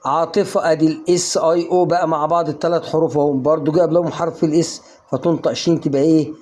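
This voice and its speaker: Egyptian guy teaching english sounds, quizzes you and answers himself, mellow voice. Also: fairly high pitch, little pitch movement, fast talker. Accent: Egyptian Arabic. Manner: chatty, coaxing, asks the viewer questions and answers them himself. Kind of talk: casual online lesson.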